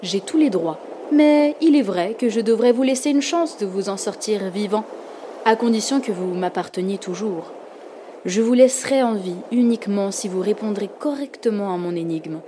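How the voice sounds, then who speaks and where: A woman voicing a hungry, merciless female sea spirit in a storybook, speaking slowly and menacingly. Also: mid-range voice, mellow, a little hiss or hum, natural voice. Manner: slow, menacing, gloating.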